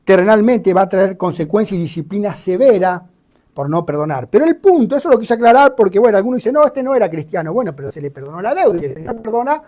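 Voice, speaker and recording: Preacher going verse by verse, lively, acts out the bible characters when reading. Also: mid-range voice, quick pace. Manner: animated, swings between loud emphasis and quiet asides; reads scripture dramatically, voicing the characters. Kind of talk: sermon, Bible exposition.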